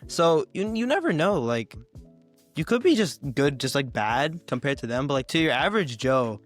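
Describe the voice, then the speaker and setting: Man from Memphis, podcast host, rambling slangy chat, a bit hoarse, soft music underneath. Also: a little high, big pitch swings, normal speed. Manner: rambling, slangy, many restarts. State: hoarse, cough. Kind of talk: casual interview chat.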